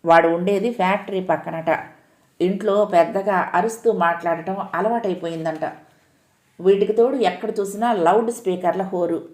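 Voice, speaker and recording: Calm lower-pitched woman storyteller. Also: moderate pace. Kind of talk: audiobook-style story narration.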